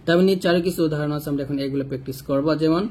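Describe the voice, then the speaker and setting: A man's voice: a little high, rapid-fire, a little mellow, slight background noise. A man teaching Quran reading, chanting letter-by-letter spelling drills and drawing out the example sounds.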